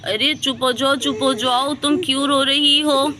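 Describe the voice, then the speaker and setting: A woman's voice: sits high, steady tone, a little slow, music in the background. A woman voicing a kind, protective young village man who rescues and comforts a girl in a storybook tale. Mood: firm, caring.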